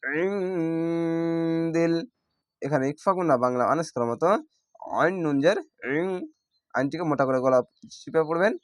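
A man teaching Quran reading, spelling each word out slowly by its letters and vowel marks before reciting it. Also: a little high, no room sound, clean studio sound. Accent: Bangladeshi Bengali. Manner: slow, drawn-out syllable-by-syllable spelling with recited words.

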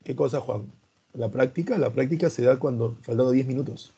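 A man's voice: mid-range voice, brisk, warm tone, slightly rough, lo-fi sound. A man teaching history in a live online class, greeting students by name and explaining with homely examples in a voice that sounds stern. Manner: sounds stern, which he says is just his natural voice. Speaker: pre-university history teacher.

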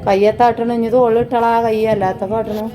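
A high-pitched woman talks her viewers through a casual home vlog. Her voice stays bright and chatty as she speaks to them directly from her family home. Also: level tone, brisk, a crowd in the background. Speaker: family vlogger.

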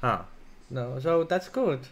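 An Estonian-accented man live on stream, talking casually with strangers. His English is halting and broken, and he swears freely. His pitch sits in an ordinary middle range. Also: very animated, a little hiss or hum. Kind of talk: casual livestream chat.

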